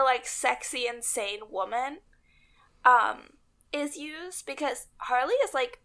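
A woman's voice: on the high side, creaky, pushed and bright. A woman co-hosting a podcast, chatting casually and leaning on "like" a lot. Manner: chatty, heavy use of "like". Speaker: podcast co-host. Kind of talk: casual chat.

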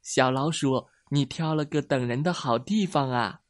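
A man voicing a kind, gentle little turtle in a children's story. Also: mid-range voice, measured pace, dry recording, studio quality, lightly acted. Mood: kindly. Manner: gentle, kindly. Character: warm kindly little turtle.

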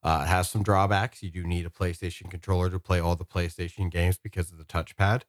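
A man's voice: low voice, flat delivery, brisk, dry recording, clean studio sound. A man co-hosting a casual podcast, explaining things in a wordy way and rephrasing as he goes. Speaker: podcast co-host.

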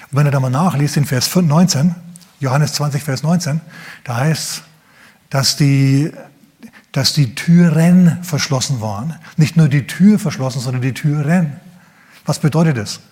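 A man's voice: medium pitch, darkish tone, husky. A man with a German accent preaching a sermon, telling the story vividly and addressing the congregation directly.

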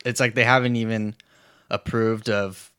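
A young man with a low, smooth voice talks in an easy, laid-back way, often laughing and letting his sentences trail off. The sound is close and dry, with no room around it. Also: little pitch movement, moderate pace, a bit bright, dry recording. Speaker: podcast co-host. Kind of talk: casual chat.

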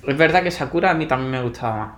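An Andalusian man co-hosting a podcast, speaking softly and keeping his voice inward. His pitch sits in a middle range. The room around him is echoey. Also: very fast, crowd noise. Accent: Andalusian Spanish. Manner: soft-spoken, talks inward. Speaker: podcast co-host. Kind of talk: casual chat.

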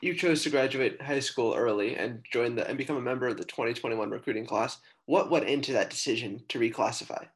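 A man's voice: medium pitch, fairly quick, few pauses, low-quality recording. A man with an American accent asking questions as the host of a casual interview podcast. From San Francisco, United States.

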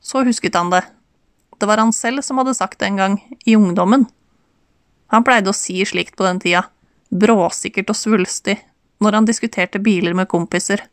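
A woman narrating an audiobook chapter in a calm, measured reading. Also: medium pitch, no echo. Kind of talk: scripted narration.

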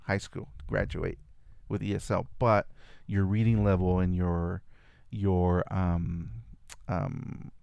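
This low-pitched, smooth voice has vocal fry, little pitch movement and a slow pace, and the recording is muffled with no room sound. The speaker is a Californian guest whose first language is Spanish, reflectively recounting childhood stories in a casual conversation with frequent restarts.

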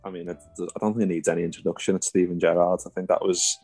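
Low-pitched Scouse man, casual football podcast chat over faint music. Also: little pitch movement, fast talker, a little mellow. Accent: Liverpool Scouse. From Liverpool, England.

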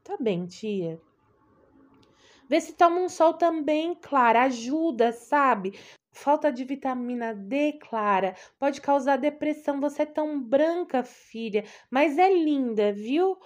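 A woman's voice: animated, slow pace. A woman playing a fussy doting aunt. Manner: high, gushing, scolding endearments.

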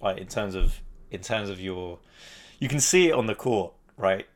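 Guy co-hosting a podcast, bit of a low voice, just casually chatting. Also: lively intonation, moderate pace. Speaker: podcast co-host. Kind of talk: casual chat.

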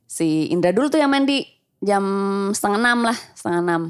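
A woman casually telling a spooky story, acting out the quoted lines with big jumps in pitch. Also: a little fast, clean tone. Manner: animated, acts out quotes with big pitch jumps, laughs often. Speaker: storyteller guest.

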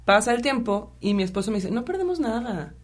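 A woman with a Mexican accent tells a personal story in relaxed conversation. Her voice sits a little high, and she acts out the lines of the people in it with lively energy. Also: a little fast. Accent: Mexican Spanish. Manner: animated retelling, acting out quotes, many fillers.

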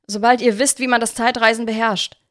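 A woman's voice: fairly high pitch, natural voice. A woman doing an eager secretive young detective. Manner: hurried, excitable.

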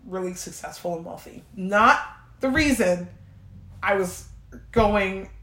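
A woman hosting a podcast, telling a personal story in a casual, animated way, swearing freely and acting out what she and others said. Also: mid-range voice, takes it slowly, a little hiss or hum. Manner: profane, animated, quoting herself and others. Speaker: podcast host. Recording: roomy echo.

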